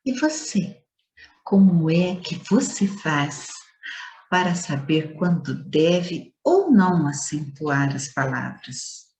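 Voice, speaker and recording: A woman teaches schoolchildren in a low, measured voice. She talks slowly and playfully, drawing out words and hitting the stressed syllable of each example. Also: big pitch swings, darkish tone. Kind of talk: scripted lesson to schoolchildren.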